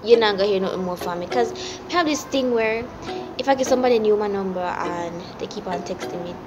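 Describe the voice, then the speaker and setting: Here the same young Jamaican woman speaks fast at a medium pitch, with music in the background and low-quality audio. She's still bluntly chatting through viewer questions, dipping into patois, recorded by a phone held at arm's length against a plain indoor wall.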